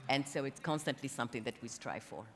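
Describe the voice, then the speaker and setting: Interviewed on a panel at a conference, a Kenyan talent executive speaks casually and quickly in a deep, rumbling voice. The large hall around the stage gives the sound a noticeable echo.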